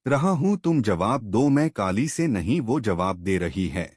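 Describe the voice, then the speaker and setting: A man's voice: fairly low pitch, very animated, a little slow, a little mellow, no echo, clean studio sound. A man voicing an eager young husband in a cartoon story, full of puzzled questions. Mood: excited. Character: excited young husband and son.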